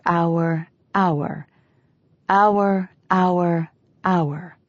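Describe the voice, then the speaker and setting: Low-voiced woman narrating an audiobook. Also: dry recording. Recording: dull dry studio audio.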